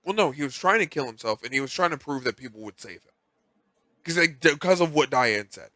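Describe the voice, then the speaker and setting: Bright-voiced man co-hosting a podcast. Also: medium pitch, fairly quick. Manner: teasing, animated bursts of emphasis. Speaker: podcast co-host. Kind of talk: casual chat.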